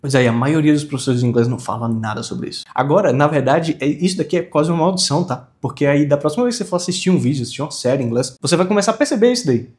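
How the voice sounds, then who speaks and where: A young Brazilian man teaching English pronunciation in a casual, energetic video lesson, drilling words over and over. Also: a little high, very fast, few pauses. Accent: Brazilian Portuguese.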